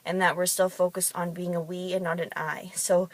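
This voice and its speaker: A woman's voice: lowish voice, little pitch movement, moderate pace, no room sound. A woman who works in fitness and competes in bodybuilding, telling chatty stories with frequent ums. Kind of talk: casual storytelling monologue.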